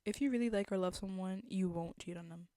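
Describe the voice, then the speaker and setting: A woman's voice: mid-range voice, fairly quick, mellow, no room sound, studio quality. A young adult woman with a slight lisp, chatting casually to viewers as a vlogger in an earnest, reflective, conversational way.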